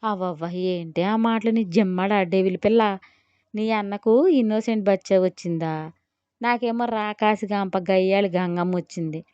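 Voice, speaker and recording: A woman's voice: medium pitch, moderate pace, darkish tone, clear, resonant tone, no echo, natural voice. Brash, teasing young man in love, read by a woman; dry, slightly dull sound. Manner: mocking, playful banter.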